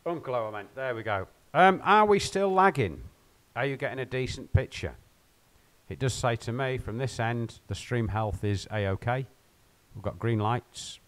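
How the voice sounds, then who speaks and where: A man's voice: mid-range voice, normal speed. A man rambling and joking with his viewers while he plays and streams from home. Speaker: game streamer. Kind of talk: casual live-stream chat.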